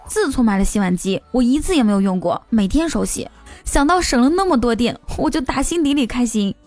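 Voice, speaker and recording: A woman hosts a comic monologue and tells jokes in a playful, teasing way. Her voice sits a little high. Soft music plays behind her. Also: animated, fairly quick. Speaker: host.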